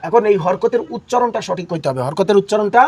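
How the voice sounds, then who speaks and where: A high-pitched man teaches a Quran reading class while feeling unwell, with a cough in his voice. He drills his listeners in call and response, repeating each key term until they echo it back. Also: lively intonation, quick pace, a loud crowd.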